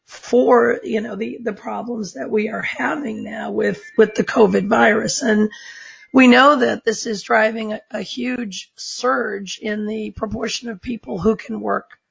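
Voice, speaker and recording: A woman hosting an interview podcast, her voice squeaky and hoarse, strained by allergies and asthma. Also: steady tone, measured pace, lo-fi sound. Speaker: podcast host.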